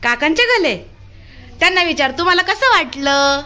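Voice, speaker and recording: A woman's voice: very high-pitched, sing-song, moderate pace, bright, forceful tone. A young woman filming a family vlog at a relative's home, chatting, teasing and coaxing her small son to talk. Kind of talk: casual family vlog chat.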